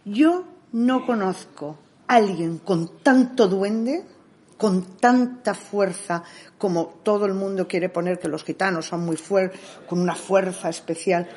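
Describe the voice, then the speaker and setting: A middle-aged woman, an interview guest, telling stories in a lively way and acting out what people said. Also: medium pitch, takes it slowly. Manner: animated storyteller who acts out dialogue. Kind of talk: conversational interview.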